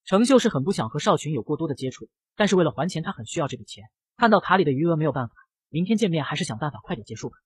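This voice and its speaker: A man narrating a comic recap in a brisk storytelling manner. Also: on the high side, very animated, husky, dry recording.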